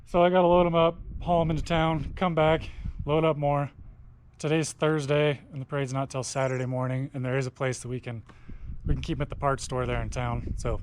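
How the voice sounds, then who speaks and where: A young man chatting casually as he walks through his barn and shop showing off old tractors, folksy and quick to correct himself. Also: a little high, slight background noise, low-quality recording. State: out of breath. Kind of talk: casual walkthrough talk.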